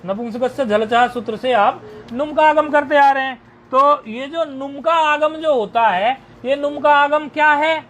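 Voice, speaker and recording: A man with a very high-pitched voice teaches a Sanskrit grammar lesson. He goes over each point patiently, repeats it, and keeps asking whether the students have followed. A faint hiss of noise sits under his voice. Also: a little slow, a bit bright.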